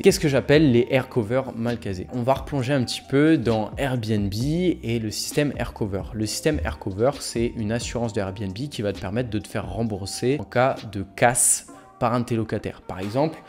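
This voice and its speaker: A man in his twenties giving energetic, informal advice straight to the viewer in a vlog. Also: mid-range voice. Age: 20s. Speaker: real estate youtuber. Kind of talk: direct-to-camera advice vlog.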